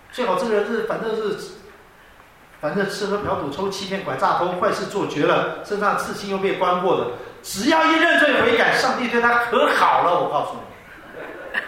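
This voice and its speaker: A middle-aged male preacher with a high, bright voice tells his sermon as a string of self-mocking stories. He chuckles through his points and keeps the telling animated. He sounds far from the mic in a very echoey hall with faint room noise. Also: moderate pace, long pauses. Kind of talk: humorous sermon.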